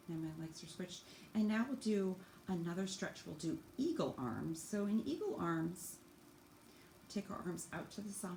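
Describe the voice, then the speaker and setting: A lowish, darkish-toned woman teacher walks children through yoga stretches, demonstrating while giving simple and encouraging cues step by step. Her voice carries echo from the room, with faint background noise underneath.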